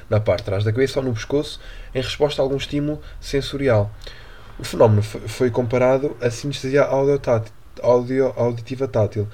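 A man's voice: medium pitch, a little mellow. A young man from Portugal with a European Portuguese accent, hosting a casual solo podcast in a rambling, slangy, joking way. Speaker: podcast host.

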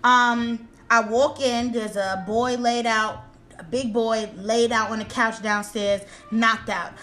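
A young woman, a nail technician telling a story in casual chat, animated and acting out quotes. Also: slow, faint music behind, poor audio. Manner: animated, acts out quotes with big pitch jumps, laughs through lines.

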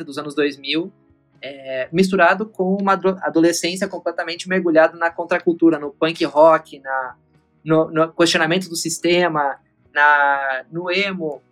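A man from Mexico, a musician guest talking about his music from his home in a busy city centre, in a lively, self-deprecating way. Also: a little high. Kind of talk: casual interview.

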